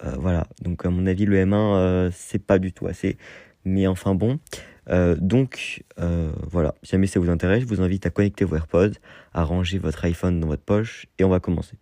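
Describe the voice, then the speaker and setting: A man's voice: low voice, fairly even intonation, normal speed, mellow, dry recording, studio quality. A young man hosting a casual solo podcast, talking hesitantly with many fillers and restarts. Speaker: podcast host.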